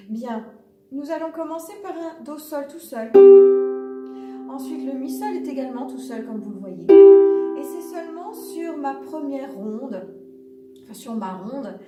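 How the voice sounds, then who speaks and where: A woman's voice: high voice, reverberant, distant mic. A woman giving a patient, step-by-step piano lesson, counting the beats aloud as she plays. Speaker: piano teacher.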